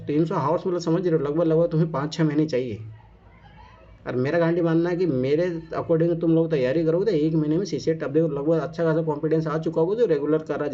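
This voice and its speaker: A man with a somewhat high voice runs a relaxed coaching class, pressing his points over and over and joking with students. The sound is dull and lo-fi, as if heard through an online class feed. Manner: emphatic and repetitive, keeps saying "look now"; chatty, teases students. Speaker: teacher. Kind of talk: casual exam-coaching class. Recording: dull lo-fi recording.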